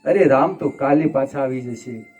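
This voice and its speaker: A man voicing a gentle elderly queen mother who soothes a weeping son. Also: mid-range voice, moderate pace, a little hiss or hum, lightly acted. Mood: consoling. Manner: soothing, consoling.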